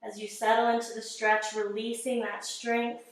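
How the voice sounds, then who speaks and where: A woman yoga instructor calmly guiding a workout, giving encouraging breath cues and sounding slightly out of breath. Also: fairly high pitch, normal speed. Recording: very echoey room, mic at a distance.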